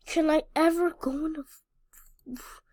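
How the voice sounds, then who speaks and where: A woman casually commenting on her Minecraft gameplay, excitable and slangy, often stammering and talking back at the game. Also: high voice, moderate pace, noisy background. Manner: scattered, restarts and stammers. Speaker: gaming channel host.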